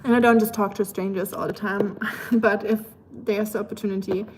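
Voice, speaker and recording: There's a noisy background behind this livestream host, a young woman with a German accent who chats playfully, laughs a lot, and reads out messages from viewers. She speaks at a moderate pace in a mid-range voice with fairly even intonation, adding playful asides.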